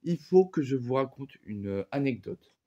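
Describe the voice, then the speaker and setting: A man's voice: mid-range voice, very animated, normal speed, mellow, lo-fi sound, slight background noise. A man hosting a casual unboxing vlog, rambling along with lots of fillers and slang. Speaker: vlogger.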